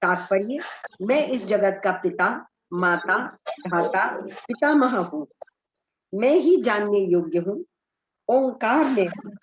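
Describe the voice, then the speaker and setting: A middle-aged woman teaching an online scripture class, slowly chanting verses and then translating them line by line. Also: mid-range voice, reverberant, a little hiss or hum, poor audio. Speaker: Gita study group teacher. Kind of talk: slow scripture recitation and explanation. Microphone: online group call.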